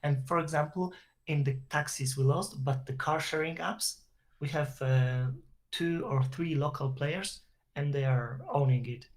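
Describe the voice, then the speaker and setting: A man's voice: on the high side, measured pace. A man with a Polish accent, a guest on an online interview, explaining at length with fillers and restarts over a video call. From Poland. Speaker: interview guest, SEO professional.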